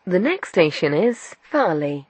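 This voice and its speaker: A woman voicing a scripted train announcement as a formal onboard announcer, with measured delivery. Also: lowish voice, sing-song, over a noisy crowd. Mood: formal, neutral.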